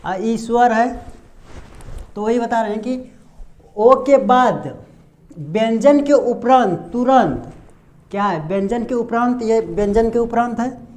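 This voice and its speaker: A man from India teaching English pronunciation, slowly explaining each rule and answering his own questions. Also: very high voice, a little mellow. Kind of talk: slow explanatory lesson with repeated questions.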